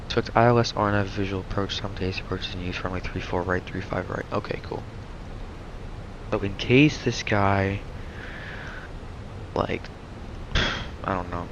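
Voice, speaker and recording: A young man with a deep voice speaks steadily at a moderate pace, leaving long pauses. He's giving casual, rambling, laid-back commentary over a flight simulator stream and mentions he's losing his voice. The stream audio is muffled and noisy.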